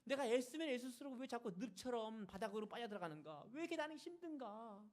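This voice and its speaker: A woman's voice: fairly high pitch, expressive, fast, darkish tone, pitched above the performer's own voice, natural voice. A male pastor voicing a desperate middle-aged woman who asks in anguish why her life is so hard. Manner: anguished, pleading questions.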